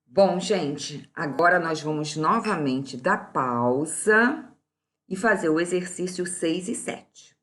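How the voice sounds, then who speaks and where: A woman teacher with a lowish, expressive, fairly bright voice goes through grammar exercise answers in a recorded class. She speaks slowly and deliberately, drawing out each example word.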